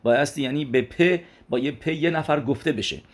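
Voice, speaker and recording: A man giving an explanatory religious lesson. He poses questions and answers them himself, weaves Hebrew religious terms into his speech, and often repeats and restarts phrases as he explains. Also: a little high. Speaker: religious teacher.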